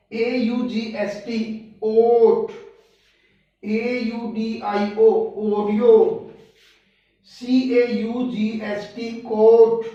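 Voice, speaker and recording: A man's voice: extremely high pitch, mellow. A male teacher giving a pronunciation lesson. He spells each word out letter by letter and then says it. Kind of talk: Hindi-medium English pronunciation lesson. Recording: echoey room, distant mic, dull lo-fi.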